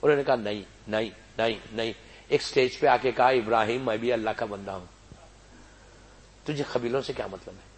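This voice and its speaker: A man preaching a sermon, telling a religious story that swings between soft, hushed narration and loud, raised exhortation. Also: mid-range voice, husky.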